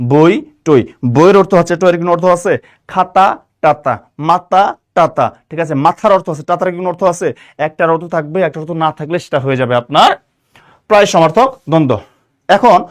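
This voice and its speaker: Young male teacher from Bangladesh, slightly high voice, drills exam grammar with constant repetition and check-ins. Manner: repetitive, checks understanding often. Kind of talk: grammar lesson for exam students.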